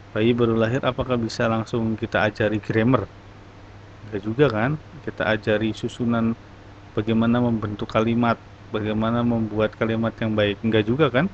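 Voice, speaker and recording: A man teaching a class, encouraging his students and explaining step by step. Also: mid-range voice. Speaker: English teacher. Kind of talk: online class talk. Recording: dull lo-fi recording, faint noise.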